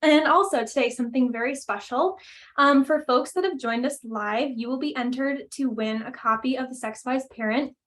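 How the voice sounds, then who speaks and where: A woman's voice: high-pitched, normal speed. A woman hosting a webinar over a video call, reading out a speaker introduction in a friendly way with frequent "um" fillers. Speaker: webinar host and coordinator.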